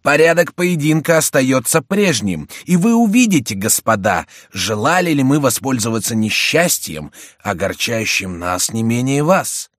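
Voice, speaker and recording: A man's voice: medium pitch, very animated, a little slow, fairly bright tone, no echo, studio quality, pitched above the performer's own voice. A man voicing a proud young royal favorite who commands and rebukes the other duelists. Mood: commanding. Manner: commanding and indignant.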